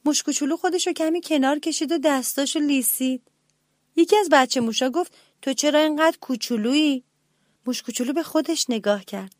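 A woman reading a children's story aloud in a gentle, expressive way and speaking directly to the children listening. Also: sits high, dry recording, studio quality.

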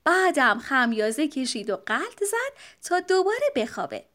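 A woman narrating a children's storybook in an expressive, gently animated way. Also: sits high. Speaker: audiobook narrator.

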